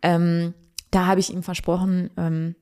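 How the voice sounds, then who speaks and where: A woman in her thirties, a podcast guest, telling a personal story in a halting, reflective way, often restarting her sentences. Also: fairly low pitch, flat delivery, a little mellow, smooth. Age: 30s.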